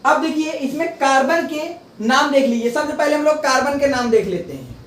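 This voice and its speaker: A male chemistry teacher lectures his class, posing rhetorical questions, answering them himself, and repeating key terms. His very high voice is expressive, a little fast and a bit bright. He's picked up from a distance in an echoey room with slight background noise.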